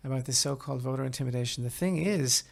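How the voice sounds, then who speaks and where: Speaking with vocal fry at a medium pitch, this podcast host gives opinions conversationally. He's emphatic but halting, tends to repeat phrases, and keeps checking in with whoever's listening.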